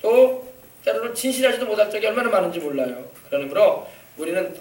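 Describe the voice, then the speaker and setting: A man pastor giving an animated children's sermon, coaxing the kids with questions. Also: sits high, fast. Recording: echoey church from far off.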